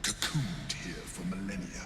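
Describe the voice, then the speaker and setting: Video game mind-flayer emperor male actor: lowish voice, formal, solemn, quietly persuasive, over prominent music. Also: moderate pace, close to an everyday voice. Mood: solemn, coaxing.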